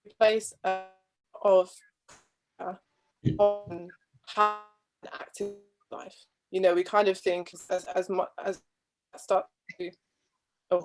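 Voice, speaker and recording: A woman's voice: mid-range voice, a little mellow, poor audio. Woman speaking over a video call. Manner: thoughtful and earnest, with frequent restarts and trailing phrases. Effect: heard over a video call with a patchy connection. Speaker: guest speaker on marriage. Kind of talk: conversational discussion.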